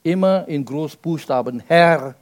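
Guy preaching a sermon, kinda high voice, slow and drawn out, gets loud then drops real quiet. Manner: expressive, swings between loud emphasis and soft low asides; explains step by step with rhetorical questions.

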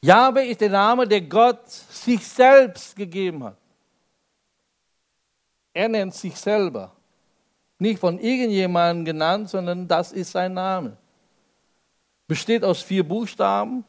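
A male preacher giving a sermon, explaining step by step with rhetorical questions and swinging between loud emphasis and soft, low asides. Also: takes it slowly, pauses often.

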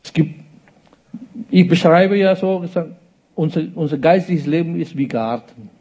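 A man's voice: on the high side, normal speed, mellow, breathy edge, highs cut off. A man preaching a sermon in a conversational way, often checking in with his listeners.

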